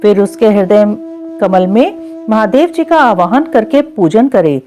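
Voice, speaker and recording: Mellow lively woman reading scripture. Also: mid-range voice. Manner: measured, chanting Sanskrit verses slowly. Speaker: scripture reader. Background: faint background music.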